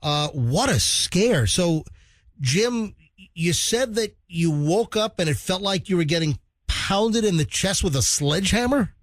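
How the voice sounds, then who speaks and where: A middle-aged man hosting a morning radio show, chatting with a caller like a radio DJ, emphatic and expressive in his reactions. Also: sits high, measured pace, dry recording. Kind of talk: morning radio DJ interview chat.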